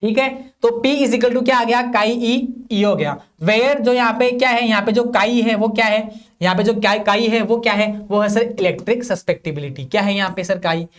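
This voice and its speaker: A man from India teaching a physics class for an exam. He asks questions and answers them himself, keeps checking whether it is clear, and reads definitions out slowly. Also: high voice. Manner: reads English definitions slowly, explains in Hindi. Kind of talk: classroom lecture for exam prep.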